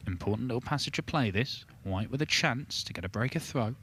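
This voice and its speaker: Man, live darts commentary, sharp bright voice, faint background venue noise. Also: medium pitch, expressive, fairly quick.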